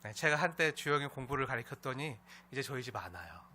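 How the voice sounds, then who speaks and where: A man's voice: mid-range voice, animated, brisk, a little hiss or hum. A man preaching as pastor to his congregation, telling a story and leaning on a habitual "ne" between phrases. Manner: warm storytelling with frequent "ne" fillers and scolding imitations. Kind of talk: sermon. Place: church sanctuary with congregation.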